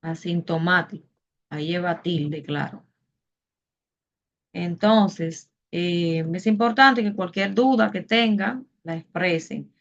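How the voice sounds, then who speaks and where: A woman's voice: fairly low pitch, slow, highs cut off. A woman teaching a class, explaining patiently step by step and asking her students questions. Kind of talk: online Spanish class.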